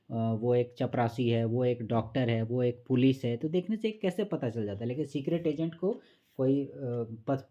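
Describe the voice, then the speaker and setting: A man teaching an exam-prep literature lesson, reading lines slowly and then explaining them patiently and repetitively. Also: mid-range voice, mellow. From Jharkhand or Bihar, India.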